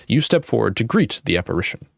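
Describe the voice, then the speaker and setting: A man's voice: fairly low pitch, sing-song, fast, vocal fry, no echo. A young man reading a text adventure game aloud, breaking off into blunt casual asides. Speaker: game streamer.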